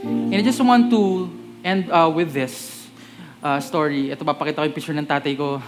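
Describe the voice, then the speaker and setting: A man preaches a sermon in a high voice, sliding between Tagalog and English. He talks to the congregation in a chatty, joking way, and soft guitar music plays behind him the whole time. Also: normal speed. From Philippines. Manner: switches between Tagalog and English mid-sentence.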